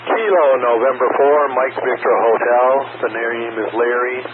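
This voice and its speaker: A man giving halting, plain-spoken, unscripted reports as an amateur radio operator over a two-way radio. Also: mid-range voice. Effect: two-way radio transmission. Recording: very noisy narrowband radio, heavy static.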